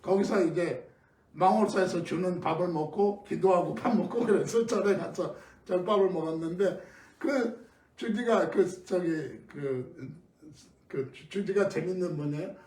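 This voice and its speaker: A middle-aged man from Korea preaching an early-morning sermon as pastor, telling stories in a conversational way with sudden loud emphases. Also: high voice, unhurried. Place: church sanctuary. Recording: echoey room, mic at a distance.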